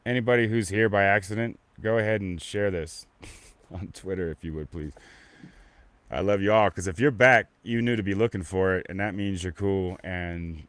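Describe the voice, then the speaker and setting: Deep-voiced man rambling on a podcast. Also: normal speed, fairly bright tone, dry recording. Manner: rambling, stop-start, many restarts and fillers. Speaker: podcast host. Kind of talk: casual live-stream chat.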